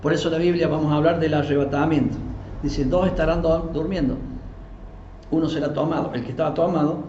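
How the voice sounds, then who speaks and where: A high-voiced male pastor teaches in a lively, conversational way and slips into the voices of the people he quotes. The recording is dull, with a roomy echo and a faint hiss. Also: fairly quick. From Argentina. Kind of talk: live Bible teaching.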